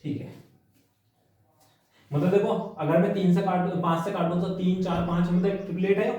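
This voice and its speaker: Man, maths teacher, step-by-step explaining, rhetorical questions, high voice, heavy room echo, distant mic. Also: little pitch movement, normal speed, mellow. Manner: talks through each step, asking rhetorical questions; habitual "है ना" and "ठीक है भैया" tags. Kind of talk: worked-problem maths lesson.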